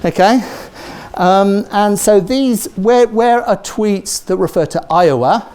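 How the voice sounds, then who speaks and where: A middle-aged man from Britain with a British accent gives an animated university lecture, checking in with his audience through "okay?" and "yeah?". He's recorded on a lapel mic in a large lecture theatre. His voice sits high and smooth, and he takes things slowly.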